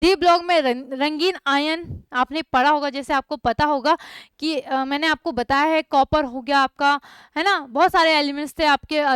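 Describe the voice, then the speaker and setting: This online chemistry lesson comes from a young woman with a high-pitched, fairly bright voice in a dry recording. She repeats questions to her students and frequently checks in with phrases like "thik hai" to make sure they're following.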